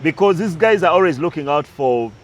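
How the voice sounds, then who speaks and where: A man's voice: fairly high pitch, lively intonation, brisk. Man breaking down football matches. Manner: analytical, tells side stories, some restarts. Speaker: football pundit. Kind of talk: casual sports talk.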